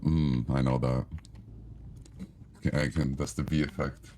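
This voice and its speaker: A man with a very deep morning voice, just woken up and talking sleepily in a role-play voice chat. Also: little pitch movement, slow pace, warm tone, a little hiss or hum. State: just woke up.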